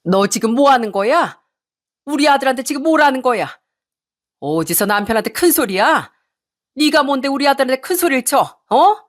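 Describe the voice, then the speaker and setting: A woman voicing a furious older mother-in-law who yells and scolds her daughter-in-law in a storybook drama. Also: high voice, expressive, normal speed, pitched above the performer's own voice. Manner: yelling, scolding, jabbing.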